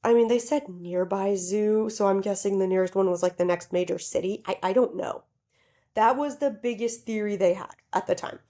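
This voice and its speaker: Woman podcast co-host, mellow tone, giggly casual storyteller. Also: medium pitch, normal speed. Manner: giggly, animated, talks straight to listeners.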